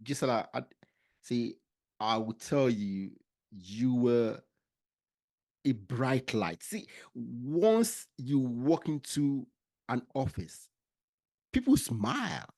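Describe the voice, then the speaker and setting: Very deep slow gravelly woman host. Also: animated, dark tone, dry recording, clean studio sound. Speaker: podcast host. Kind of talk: casual interview chat.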